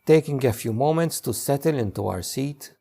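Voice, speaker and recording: A man guides a meditation as the teacher, his mid-range voice gravelly yet full of lively intonation. He keeps his directions gentle and slow, with long pauses throughout.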